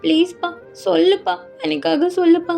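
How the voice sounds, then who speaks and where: A woman's voice: very high voice, level tone, normal speed, creaky, darkish tone, soft background music, voice pushed up, exaggerated voice. A woman voicing a desperate young daughter who pleads through tears. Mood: tearful. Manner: pleading, tearful. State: crying.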